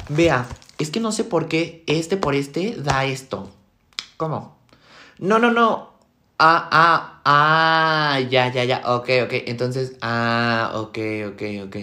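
A man's voice: on the high side, bright, forceful tone. A man voicing a stuck-up, bossy, vain teenage schoolgirl in a comedy sketch, with a Mexican accent and drawling, exaggerated sighs and fillers. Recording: roomy echo.

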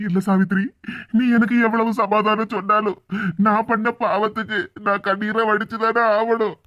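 The actor's mid-range voice holds a level tone at a moderate pace, fairly bright yet recorded with dull audio and only lightly acted. He plays a tearful, remorseful middle-aged cartoon husband in Kanyakumari Tamil, lamenting and echoing his phrases mournfully for comic effect.

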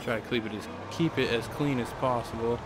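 Speaking a little fast in a mid-range voice, the young man rambles through casual let's play commentary on a racing game, filler after filler. He's a gaming YouTuber with a cold-roughened, hoarse throat, and the game's cars roar loudly behind him.

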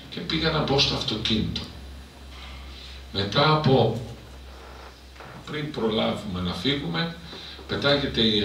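A male priest tells a moving story to a live audience, his bright, forceful voice rising into impassioned emphasis. He sounds far from the microphone in a very echoey hall with faint background noise. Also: mid-range voice. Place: cultural centre hall.

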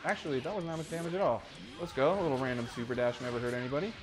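A man commentating live over his own ranked fighting game matches, excitable and profane, dropping to mutters and then yelping at big moments. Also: medium pitch, rapid-fire, background noise. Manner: excitable, swings between mutters and sudden yelps; profane trash talk at his opponent. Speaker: gaming streamer. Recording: game music loud behind voice.

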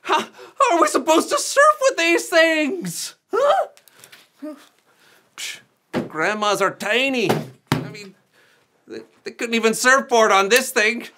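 An actor playing a goofy, excitable male Scottish rapper in a kids' cartoon, with a Scottish accent and loud bouncy exclamations. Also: very high voice, takes it slowly, pauses often, a little hiss or hum, exaggerated voice. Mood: dismayed. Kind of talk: cartoon sketch for kids.

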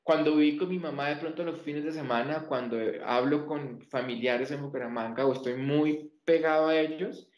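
A man from Colombia with a neutral Colombian accent, talking as an interview guest and telling animated stories with many restarts. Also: fairly high pitch, moderate pace, few pauses, roomy sound. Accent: neutral Colombian Spanish. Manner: animated storyteller with many repeated words and restarts. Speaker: interview guest, teacher trainer. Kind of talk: casual interview chat.

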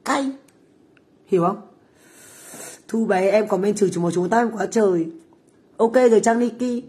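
A woman's voice: medium pitch, normal speed, a little mellow. A middle-aged woman, a livestream host who chats casually with viewers in a brash, foul-mouthed, taunting way. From Vietnam. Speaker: livestream host, food stall owner. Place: home kitchen, abroad.

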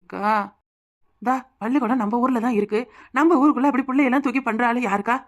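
A woman's voice: fairly high pitch, fairly even intonation, fast, close to an everyday voice. A woman voicing a village aunt in a cartoon, pleading and reassuring in a Tirunelveli Tamil accent. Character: consoling village aunt, a younger sister-in-law. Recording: cartoon dub with music underneath.

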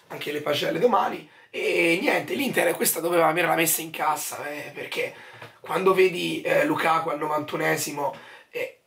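Young male football vlogger, voice hoarse and almost gone, creaky, slightly high, halting yet emphatic. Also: sharp tone. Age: 20s. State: hoarse, voice nearly lost. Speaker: football video commentator. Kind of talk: casual post-match football commentary. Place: small furnished room at home, indoors.

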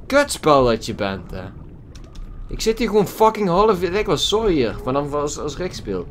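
A man's voice: fairly high pitch, big pitch swings, moderate pace, a little hiss or hum. A man giving casual gameplay commentary at his computer, swearing a lot with exaggerated frustration. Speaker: gaming YouTuber. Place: at a computer desk with a loud keyboard. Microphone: desk microphone.

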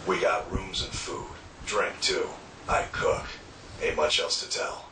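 Gruff laconic fantasy-game innkeeper, extremely low voice, echoey distant TV playback. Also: male voice, fairly even intonation, takes it slowly, background noise. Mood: dry, blunt. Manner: dry, plain-spoken, laconic. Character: gruff, blunt male tavern keeper. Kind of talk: fantasy video game acting. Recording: echoey game audio from TV speakers.

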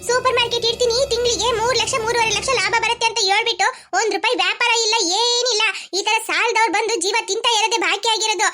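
Woman doing a fed-up young wife, super high voice, fast bitter complaining, music behind. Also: steady tone. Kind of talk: cartoon voice acting. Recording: cartoon dialogue over music.

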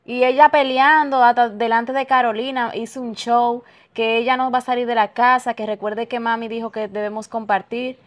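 A woman playing a worried wife who tries to calm her husband down, with a pleading manner. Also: fairly high pitch, moderate pace, hardly any pauses, lightly acted. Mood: explaining. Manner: pleading, calming. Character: worried wife, house owner. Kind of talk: amateur drama acting.

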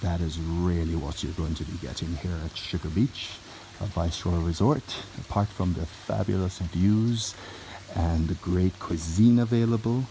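A man's voice: sits low, normal speed, mellow, slight background noise. A man giving a walkthrough tour of a resort villa, chatting in a sales-patter style with playful jokes on the side. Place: walking through a resort villa, indoors and out.

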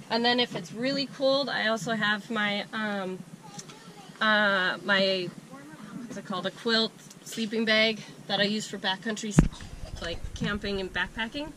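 A woman in her thirties with a smoker's rasp from a cold, giving a casual, chatty explanatory vlog tour inside a van. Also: a little high. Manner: informal, chatty, self-deprecating asides. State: congested with a cold. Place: inside a small camper van, doors open. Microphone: camera mic within a few feet. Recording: noisy handheld action-camera audio inside van.

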